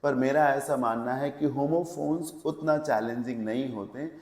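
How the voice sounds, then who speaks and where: A man's voice: medium pitch, normal speed, darkish tone. Male teacher, echoey classroom. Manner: explains step by step, asks checking questions; mixes English words into Hindi. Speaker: English teacher. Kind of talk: classroom lecture.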